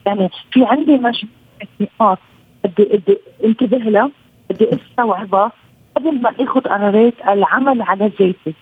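A woman with a Lebanese accent, a psychoanalyst and family counselor, calmly explaining her points over a low-quality remote audio stream. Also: brisk, slightly rough, no echo. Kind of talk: explanatory interview answers. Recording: tinny phone-like remote line.

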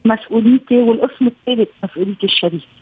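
Woman, Lebanese accent, husky voice, low-quality remote stream, thin phone-like sound, measured explaining. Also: dry recording. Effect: low quality remote audio stream. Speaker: psychoanalyst and family counselor guest. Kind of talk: explanatory interview answers. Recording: tinny phone-like remote line.

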